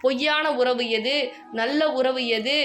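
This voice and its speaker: A woman's voice: high-pitched, steady tone, takes it slowly, fairly bright tone, a little hiss or hum. A woman delivering a devotional message in the goddess's voice, earnest, scolding and pleading as she addresses the listener as her dear child. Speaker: devotional speaker.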